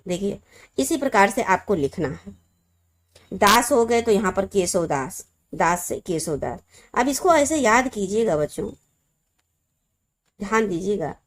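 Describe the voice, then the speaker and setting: A woman teacher giving a lesson to students, explaining a memory trick and slowly repeating the key words. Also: mid-range voice.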